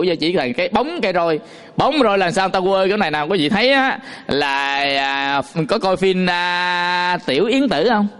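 A male Buddhist monk with a Southern Vietnamese accent gives a sermon in a noticeably high voice. He tells his parables in a lively, storytelling way and acts out the examples for the listeners.

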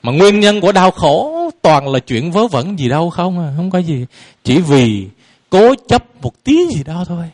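A man's voice: high-pitched, big pitch swings, measured pace, a little mellow. A man giving a Buddhist dharma talk to a lay audience as their teacher, throwing out rhetorical questions and chuckling playfully.

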